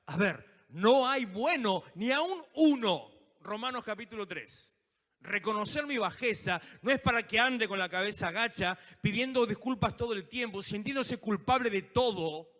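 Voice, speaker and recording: A man with a Rioplatense accent delivers a lively sermon. His voice sits high and sounds bright and forceful. The sound comes from a church hall with a long, ringing reverb. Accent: Rioplatense Spanish. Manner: animated preaching, acting out quoted prayers, joking asides. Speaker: pastor.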